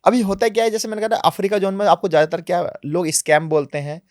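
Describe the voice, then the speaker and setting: A man being interviewed on a podcast, telling travel stories in a lively, animated way, sometimes dropping to low, quiet asides. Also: quick pace, no room sound, clean studio sound. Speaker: travel vlogger guest. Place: podcast studio.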